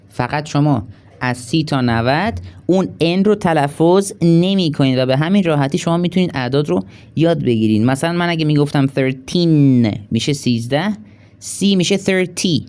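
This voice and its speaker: A man teaching an online language lesson, drilling words slowly and clearly and repeating each one. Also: a little high, a little mellow. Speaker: English teacher.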